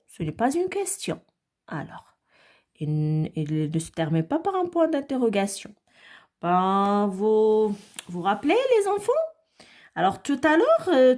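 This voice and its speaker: Woman teacher talking to little kids, super slow and patient, voice jumps up and down a lot. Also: medium pitch, a little mellow. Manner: slow, patient, repeats key words and asks "d'accord?". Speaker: primary school teacher. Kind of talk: grammar lesson for young children.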